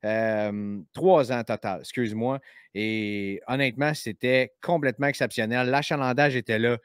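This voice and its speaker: A man with a Québécois French accent, hosting a casual chat show, lively and quick, with many fillers and restarts. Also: medium pitch, smooth, no room sound, studio quality. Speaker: podcast host.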